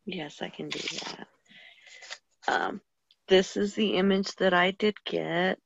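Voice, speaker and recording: A woman on a video call casually explaining an image she made, in a relaxed way. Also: fairly low pitch, slow, creaky. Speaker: participant sharing a picture. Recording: dull, dry lo-fi call audio.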